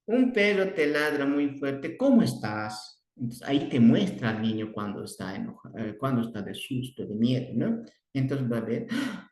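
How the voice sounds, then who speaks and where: A Bolivian man teaches a speech therapy class, circling back over his words as he goes. His voice sits at a middle pitch and carries a roomy echo. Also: animated, normal speed, darkish tone. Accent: Bolivian Spanish. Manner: repeats and restarts words, acts out children's emotions with sudden high exclamations. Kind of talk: online class lecture.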